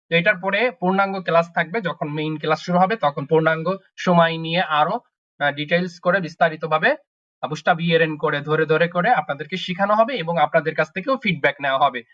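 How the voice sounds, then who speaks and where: A man teaching a German class online, repeating each word slowly for his students. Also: on the high side, a bit bright. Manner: slow, repetitive drilling of words. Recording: dull lo-fi online call audio.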